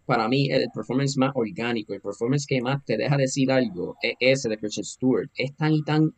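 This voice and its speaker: Casting: emphatic man, casual podcast co-host, laughs often, mid-pitched. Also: moderate pace. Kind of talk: casual film discussion.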